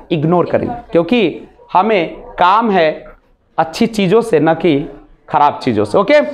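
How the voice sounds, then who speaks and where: A man teaching a basic spoken English class. He demonstrates sounds aloud, mixes English phrases into his speech and asks rhetorical questions. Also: extremely high pitch. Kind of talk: classroom lesson.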